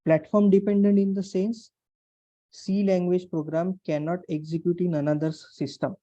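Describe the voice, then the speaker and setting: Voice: medium pitch, flat delivery, normal speed, warm tone, no echo, dull audio. An instructor with an Indian English accent teaching an online class step by step, repeating phrases and checking understanding with questions. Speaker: programming instructor. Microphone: online class call microphone.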